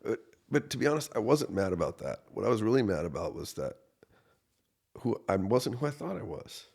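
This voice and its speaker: A man in his thirties, a pastor, earnestly telling a personal story in a podcast interview, going from quiet to loud. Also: on the low side, sing-song, a little fast, gravelly, slightly rough. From United States. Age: 30s. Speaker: associate pastor.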